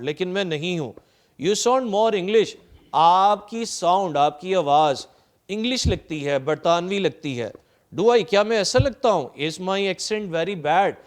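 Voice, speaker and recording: A male teacher, his voice pitched fairly high, smooth and clear. He reads lines of a play slowly and deliberately, then explains them and lists synonyms in a methodical classroom manner. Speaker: English teacher. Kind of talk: recorded lecture explaining a play line by line.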